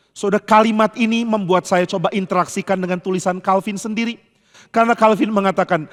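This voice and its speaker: A male pastor preaching a sermon with emphasis, slowing down on key phrases and telling humorous stories. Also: high voice, fairly bright tone. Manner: storytelling with humor. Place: church. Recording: long church hall reverb.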